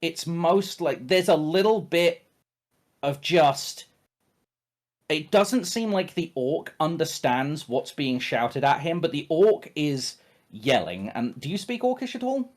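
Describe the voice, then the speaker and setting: Animated, sweary male game master. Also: a little high, slow pace. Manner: casual, sweary, emphatic. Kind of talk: improvised tabletop game narration.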